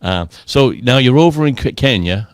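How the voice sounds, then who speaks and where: A man in his sixties from Massachusetts, hosting a casual interview in a halting way with many fillers and restarts. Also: medium pitch, animated, no room sound, studio quality. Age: 60s. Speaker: host.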